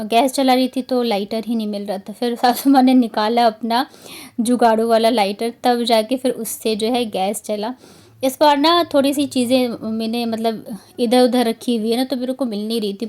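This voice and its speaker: Woman from bihar rambling thru her home vlog, kinda high voice, lots of fillers. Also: darkish tone. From Bihar, India. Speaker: vlogger. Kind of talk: casual vlog voice-over narration.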